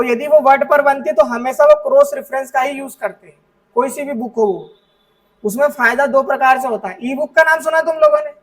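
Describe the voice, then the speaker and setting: Man teacher with a high voice, patient step-by-step explainer, miked from a little distance in a classroom. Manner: explains step by step, often checks understanding with "ठीक है". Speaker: computer teacher. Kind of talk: classroom software lesson. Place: classroom with students present.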